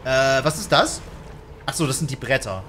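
A young man chatting casually through a game as a YouTuber, slangy, joking and reacting loudly. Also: medium pitch, lively intonation, normal speed, very noisy. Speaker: gaming YouTuber. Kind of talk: casual let's-play commentary.

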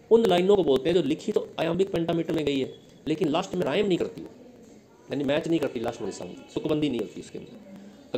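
A man with an Indian accent giving an exam-prep lesson, asking questions and answering them himself, reading English lines slowly. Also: fairly high pitch, a little mellow, a little hiss or hum, poor audio. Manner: explains in Hindi, reads English lines slowly. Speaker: teacher.

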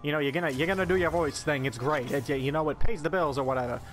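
A man's voice: fairly high pitch, fast talker, soft background music, natural voice. A man playing a pushy male movie producer, coaxing and upbeat.

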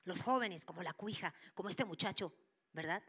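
Woman preacher, bright voice, lively storyteller, slips into whispers. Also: lowish voice, normal speed, slightly rough. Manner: animated storytelling, drops into whispers for quoted voices. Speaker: church speaker. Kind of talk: sermon with personal testimony.

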